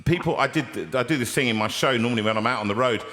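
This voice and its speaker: An older British man hosting a casual, chatty interview in a lively, jokey, rambling way. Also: mid-range voice, fast. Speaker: show host.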